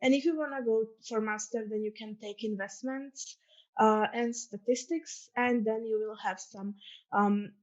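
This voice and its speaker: A woman's voice: on the high side, steady tone. A young woman from Croatia with a Croatian accent, presenting her study programme as a student ambassador in an earnest, informal way with many ums and uhs. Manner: earnest, fills pauses with um and uh. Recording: dull lo-fi sound.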